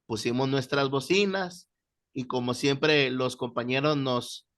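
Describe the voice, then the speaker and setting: A man teaching a Bible class, telling stories with lively, animated delivery. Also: medium pitch, measured pace. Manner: animated storyteller, shouting out quoted voices. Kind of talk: classroom lecture with storytelling.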